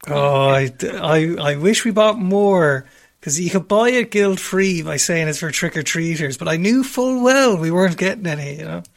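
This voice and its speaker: A man's voice: fairly high pitch, animated, vocal fry. A man hosting a sports podcast in a jokey, rambling casual chat. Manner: jokey, rambling, quick intros. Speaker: podcast host.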